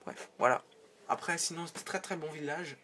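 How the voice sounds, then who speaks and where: Man, somewhat high voice, casual game commentary, rambling jokey asides. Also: moderate pace, pushed and bright, slight background noise. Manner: chatty, joking, rambling asides.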